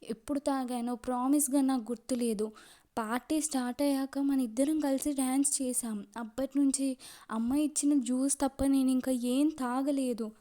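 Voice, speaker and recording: Woman doing a tearful young heroine in a romance audio story, begging forgiveness in a trembling, mellow, highish voice. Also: fairly even intonation, normal speed, close to an everyday voice. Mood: tearful pleading. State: crying, voice breaking.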